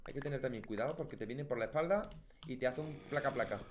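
Against a noisy background, a fast-talking gaming YouTuber from Spain with a Spanish accent gives laid-back Let's Play commentary. He chats with himself and his audience and lets out high yelps at every death.

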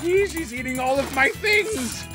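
A performer voicing an excitable cartoon man who rambles and yelps in alarm while reacting to his own cartoon episodes. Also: high-pitched, unhurried. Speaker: reacting host character. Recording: loud music playing underneath.

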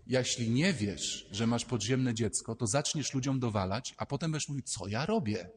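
A man, a priest, giving a lively, conversational sermon and acting out little inner voices as he speaks. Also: mid-range voice, normal speed, breathy edge, long reverb tail.

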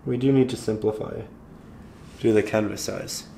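A man calmly guiding viewers through a step-by-step painting tutorial, slightly hoarse, in an unhurried, encouraging way. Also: on the low side, slight background noise. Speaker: painting instructor.

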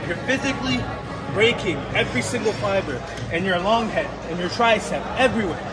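High-voiced young male workout coach. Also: lively intonation, a little fast, loud music behind the voice, a loud crowd. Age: young adult. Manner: short, punchy commands. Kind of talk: casual exercise instruction. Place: large indoor gym.

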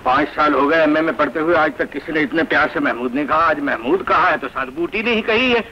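On an old 1980 film soundtrack with music, an actor plays a wisecracking comic student friend who jokes and teases. His male voice sits fairly high and sounds natural, though the audio is dull and there is background noise.

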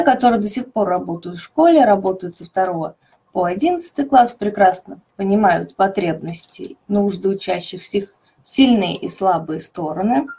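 A woman methodologist presenting a teaching webinar, explaining clearly and stressing key words. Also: mid-range voice, darkish tone.

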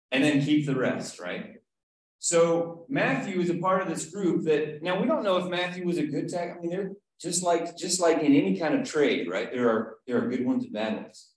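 Guy leading bible study over a video call, chatty, keeps asking "right?", real echoey room. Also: fairly high pitch. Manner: conversational, asks the group questions, frequent "right?".

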